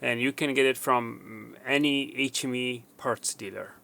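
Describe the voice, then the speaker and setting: A man presents a casual tech repair demonstration without a script, speaking a little slowly in a medium-pitched, creaky voice that's pushed and bright. He talks informally and repeats words for emphasis.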